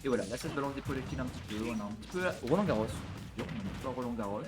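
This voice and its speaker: A man casting an esports grand final at a rapid clip, rattling off excitable play-by-play. Music runs clearly underneath his voice throughout. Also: mid-range voice. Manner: quick, excitable play-by-play with colourful asides. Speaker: esports commentator. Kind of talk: live esports commentary. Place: esports venue. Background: music behind the voice.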